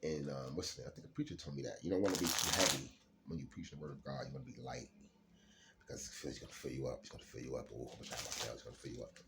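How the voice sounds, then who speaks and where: A man's voice: rumbling low, steady tone, rapid-fire, creaky, very noisy. A man doing a late-night solo card reading, rambling and laughing often as he drawls through his thoughts. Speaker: card reader.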